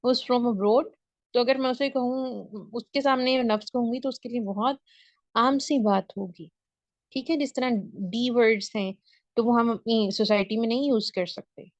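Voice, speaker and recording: A woman's voice: fairly high pitch, normal speed, no room sound, muffled recording. A woman with a Pakistani accent giving an online spoken English lecture, often checking in with her students as she explains. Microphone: video call.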